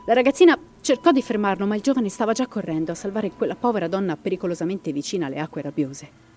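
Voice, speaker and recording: A woman's voice: mid-range voice, expressive, fast, a little mellow, a little hiss or hum. A woman narrating a scripted horror story with dramatic pacing and sardonic comic asides, also bantering as host.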